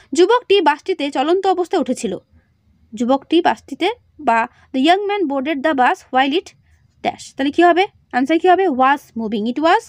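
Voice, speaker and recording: High-voiced Bengali woman teaching revision. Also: no echo. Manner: asks rhetorical questions and checks understanding often; reads example sentences slowly and deliberately. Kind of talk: exam revision lesson for schoolchildren.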